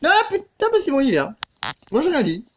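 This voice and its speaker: A man's voice: very high-pitched, wildly swooping pitch, a little fast, slight background noise. A man giving let's play commentary on a horror game, muttering to the game, swearing often and yelping when startled.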